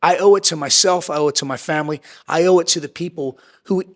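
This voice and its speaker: Intense, blunt-talking man with a higher voice. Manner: blunt, intense and heavily profane, with emphatic repetition; swings between fast bursts and slower, drawn-out phrases. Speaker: podcast guest, entrepreneur and former Navy SEAL. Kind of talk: candid podcast interview.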